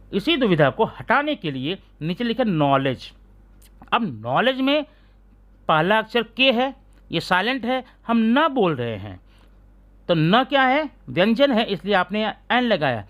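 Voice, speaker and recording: Lively-voiced male grammar teacher. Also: high voice. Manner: keeps asking students rhetorical check questions; sounds out letters slowly and deliberately. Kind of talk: classroom-style lesson explanation.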